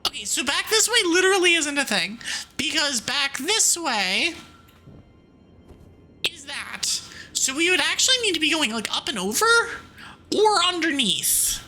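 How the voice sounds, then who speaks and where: A woman with a high, very animated voice hosts a game livestream. She has a cute, bubbly anime-streamer way of talking, playful and a little mock-bossy. Light music plays behind her. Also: unhurried. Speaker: streamer, VTuber. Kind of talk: livestream game commentary, chatting to viewers.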